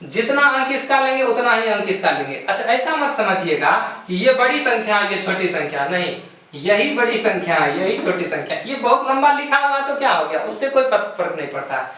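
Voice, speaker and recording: High, bright man teaching math in an echoey room. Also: big pitch swings, brisk. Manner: asks "samajh gaye?" again and again; explains step by step at a board. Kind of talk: classroom math lesson. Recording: echoey room, voice far from the mic.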